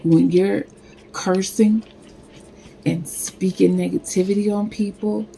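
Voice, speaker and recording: A woman giving a casual spiritual card reading, talking in a slow, meandering way with many fillers. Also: medium pitch, vocal fry, warm tone, a little hiss or hum, rough recording. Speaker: spiritual reader.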